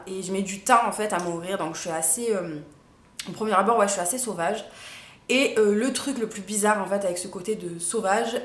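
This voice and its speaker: Young female vlogger, casual and chatty, mid pitch, recorded in a reverberant room. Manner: chatty, many fillers and hesitations. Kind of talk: casual chat to camera. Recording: echoey room.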